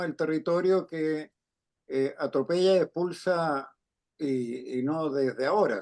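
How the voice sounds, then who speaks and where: A man hosting an interview, asking long, measured questions with hesitant fillers. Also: a little high, darkish tone. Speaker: host.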